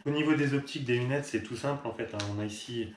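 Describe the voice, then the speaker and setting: A man's voice: mid-range voice, fast. A man who runs an online shop, chatting casually and upbeat with fillers as he unboxes a product. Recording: echoey room with clear background noise.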